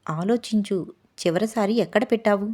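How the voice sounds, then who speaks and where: A woman voicing a gentle, wise magical bull in a children's storybook, speaking softly and patiently. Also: mid-range voice, moderate pace, lightly acted. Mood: gentle advice. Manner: soft-spoken, patient teaching.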